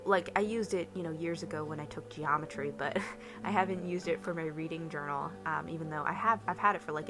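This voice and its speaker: A young woman who has a slight cold narrates a relaxed voiceover at home for her bullet journal vlog, rambling and chatty with lots of ums and likes. Her voice is a little low for a woman. Soft, clear background music runs beneath her throughout.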